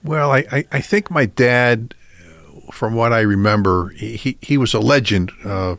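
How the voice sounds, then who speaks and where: Gravelly man telling old stories. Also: mid-range voice, measured pace, fairly bright tone. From Buffalo, New York. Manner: rambling, many restarts and uh's, chuckling. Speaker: guest, sports official. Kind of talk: casual storytelling chat.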